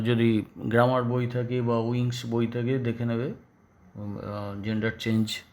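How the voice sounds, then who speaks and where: Male teacher, Bengali accent, unhurried classroom delivery with frequent pauses and repeated words. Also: mid-range voice, darkish tone. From West Bengal, India. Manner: slow, halting, repeats words for pupils. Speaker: school English teacher. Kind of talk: classroom grammar lesson.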